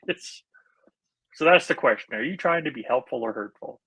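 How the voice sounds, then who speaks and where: Man, podcast co-host, earnest explainer, husky voice, bright and forceful. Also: mid-range voice, animated, measured pace, low-quality recording. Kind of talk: casual chat.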